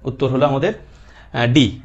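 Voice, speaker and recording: A man's voice: mid-range voice, fairly even intonation, moderate pace, dull audio. A man teaching English grammar in an online exam-prep class, explaining patiently and checking in with his students.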